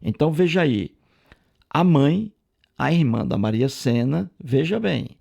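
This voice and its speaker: Gravelly-voiced man lecturing emphatically. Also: on the high side, lively intonation, unhurried, darkish tone. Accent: Brazilian Portuguese. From Brazil. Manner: repetitive, emphatic, lecturing, heavy use of fillers. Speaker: video commentator. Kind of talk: didactic commentary on viewer comments.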